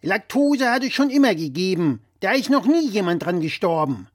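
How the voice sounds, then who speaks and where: A loud, lecturing old-fashioned father with a raised, lively voice, put on by a male storyteller. He holds forth emphatically and keeps his opinions fixed. The reading is close and dry, with no room sound. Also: high voice, normal speed, no room sound, pitched above the performer's own voice. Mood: blustering.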